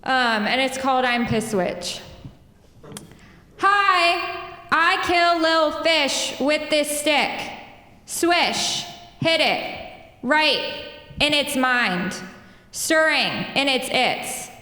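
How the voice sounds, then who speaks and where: A woman reads her poems slowly, line by line, in a high, bright voice. The sound carries the long ring of a big echoey hall. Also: animated. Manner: slow, deliberate line-by-line delivery with soft laughs between poems. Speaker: poet reading her work. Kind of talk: poetry reading at a live event. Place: performance space.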